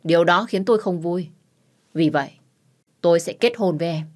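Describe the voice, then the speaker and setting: A woman's voice: fairly low pitch, moderate pace, darkish tone, natural voice. A woman voicing a smug young man who teases in an offhand, mocking way.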